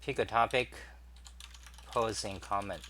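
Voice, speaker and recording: A man hosting a casual livestream, demonstrating his computer workflow and greeting viewers, talking haltingly with many fillers and restarts. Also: fairly low pitch, sharp tone, a little hiss or hum. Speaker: talk show host. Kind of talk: casual screen-share livestream.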